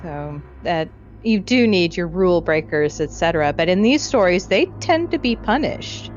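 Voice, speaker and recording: A woman co-hosts a casual podcast discussion, thinking aloud in loose, trailing lists. Her voice is fairly low and expressive at a moderate pace, and the audio is dull and lo-fi with music behind it.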